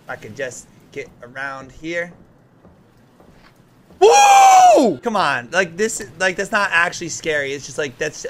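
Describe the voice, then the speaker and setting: A young man live streaming a horror game, giving excitable, scared, jumpy commentary and griping as he plays. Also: on the high side. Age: young adult.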